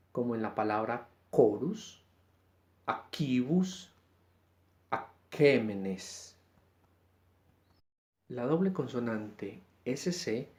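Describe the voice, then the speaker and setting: A man giving a deliberate pronunciation lesson, naming each sound and then an example word by itself. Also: medium pitch, a little mellow. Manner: spells out sounds and example words one at a time. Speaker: Latin pronunciation teacher. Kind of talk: slow, deliberate instructional explanation.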